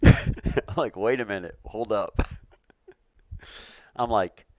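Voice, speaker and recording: Deep-voiced man in his forties, laughing talk. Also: extremely slow, no echo, muffled recording. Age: 40s. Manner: profane, laughing, repeats himself. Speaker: trucking talk show host. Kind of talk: casual chat.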